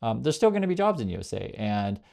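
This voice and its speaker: With a quick pace and big swings in pitch, a medium-pitched, gravelly, darkish-toned man hosts casual direct-to-camera political commentary. Born in Vietnam, he rambles with many fillers and reads viewer comments aloud.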